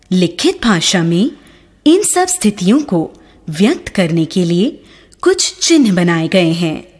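A woman narrates a children's grammar lesson, pausing after nearly every phrase as if for dictation. Her voice is husky and slightly rough. Her pitch moves a lot, giving the reading a lively, sing-song shape despite the very slow pace. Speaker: teacher.

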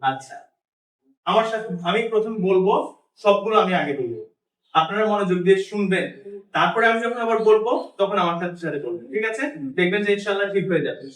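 High-voiced teacher in an echoey room. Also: male voice, lively intonation, quick pace, a bit bright. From Bangladesh. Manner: drills students with questions and repetition. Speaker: English teacher. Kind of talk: classroom lesson. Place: madrasa classroom. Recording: echoey classroom from a distance.

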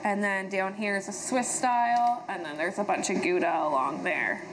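A woman's voice: mid-range voice, moderate pace. A middle-aged Canadian woman dairy farmer giving practical, matter-of-fact explanations on a tour of her large barn, recorded with a lapel mic. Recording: loud barn noise behind.

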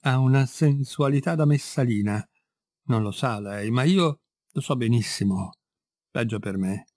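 A man's voice: mid-range voice, a little slow, darkish tone, lightly acted. A man reading aloud and voicing a weary middle-aged man who confides his ruinous passion in a brooding, self-pitying way. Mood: brooding confession. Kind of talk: read-aloud storytelling.

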